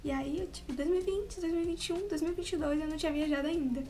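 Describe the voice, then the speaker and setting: A travel vlogger tells a travel story to camera at home with cats nearby, unscripted and chatty, often laughing and tacking on "né." Her voice is high, steady, and warm, her pace quick, with faint music behind her.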